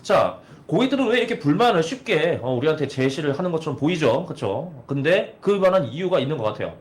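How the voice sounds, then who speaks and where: A man in his thirties leads a training lecture for installers. His voice sits a little high and swings widely in pitch. He keeps putting rhetorical questions to his listeners. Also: big pitch swings, fast. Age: 30s. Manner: opens sentences with "ja". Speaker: trainer for air conditioner installers.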